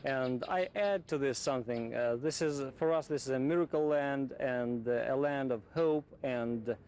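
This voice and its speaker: A man from Russia with a Russian accent, speaking earnest, halting non-native English in an interview. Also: mid-range voice, darkish tone. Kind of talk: interview answer. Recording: faintly noisy location interview.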